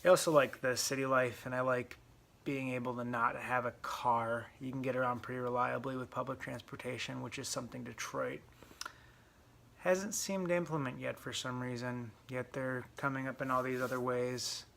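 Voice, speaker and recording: Hesitant guy in his late 20s rambling to a camera in a garage, gravelly, pretty monotone, faint hiss behind. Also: normal speed. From Southeast Michigan. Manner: hesitant, many ums, flat and low-key. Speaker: vlogger. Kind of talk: rambling solo monologue to camera. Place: parents' garage, dim.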